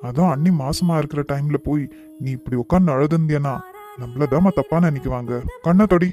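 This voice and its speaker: A man voicing a gentle young husband in a cartoon, tenderly coaxing his crying wife. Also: a little high, brisk, muffled recording, faint music behind, lightly acted. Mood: comforting.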